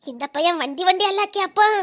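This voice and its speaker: A woman's voice: extremely high pitch, expressive, a little fast, a bit bright. A woman voicing a fretful young village girl in a half-saree, muttering frantic asides and mocking. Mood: fretting.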